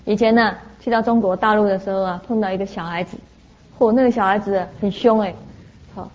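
A woman's voice: medium pitch, a little fast, dull audio. A woman giving a Buddhist sermon, telling stories with lots of "ah" fillers. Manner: lively anecdotal telling, frequent "ah" fillers. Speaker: Buddhist teacher.

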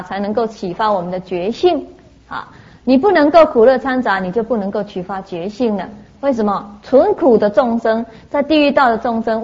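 A woman's voice: on the high side, lo-fi sound. A woman giving a Buddhist sermon, telling stories with lots of "ah" fillers. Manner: lively anecdotal telling, frequent "ah" fillers. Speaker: Buddhist teacher.

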